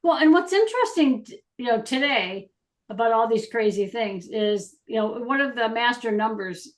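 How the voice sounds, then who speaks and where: A woman's voice: on the high side, expressive, moderate pace. A woman co-hosting a casual talk show, rambling and laughing easily, with filler sounds like "da, da, da.". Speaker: co-host. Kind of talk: casual chat.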